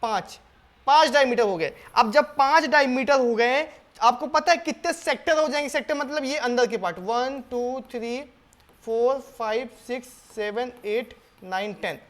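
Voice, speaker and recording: A man with a notably high voice teaches a maths lesson, working through a problem step by step. He keeps putting questions to his students and answering them himself. When he reads out the English question, he slows to a careful word-by-word pace. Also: fairly bright tone. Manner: calls students "beta", coaxing and patient. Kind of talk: board exam lesson, solving problems step by step.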